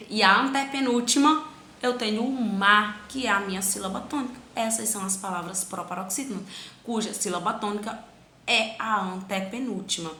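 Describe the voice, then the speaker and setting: A woman teaching a children's grammar lesson, stretching syllables slowly to show stress and asking herself the pupils' questions. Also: fairly high pitch, sharp tone, echoey room, slight background noise.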